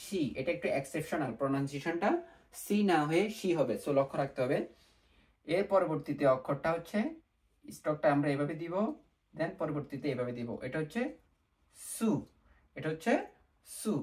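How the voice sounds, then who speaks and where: A man teaches a beginner class at an unhurried pace. He repeats each sound several times and asks himself questions before answering them. English words slip into his speech now and then. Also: fairly high pitch, darkish tone. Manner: patient and repetitive, drills sounds aloud, rhetorical questions. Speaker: language teacher. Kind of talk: step-by-step beginner lesson.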